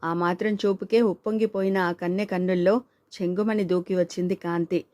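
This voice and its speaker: Female audiobook narrator, mellow, dry booth sound, voices the dialogue herself. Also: lowish voice, steady tone, fairly quick, no room sound. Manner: reads all characters, male and female, in her own voice.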